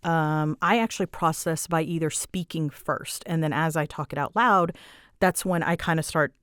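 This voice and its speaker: Answering questions from her audience, this voice actress and host chats in a casual, rambling way with a low voice at a moderate pace. Her delivery is bouncy, dramatic and storyteller-like, with giggles and self-deprecating humor. The sound is studio quality: a clean tone and a dry recording.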